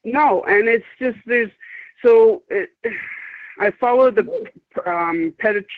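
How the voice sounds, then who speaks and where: A woman in her fifties calls in for a casual chat, her fairly high voice moving slowly as she rambles in an emphatic, outspoken way and swears now and then. She's on a phone, and the line sounds dry and tinny with no echo.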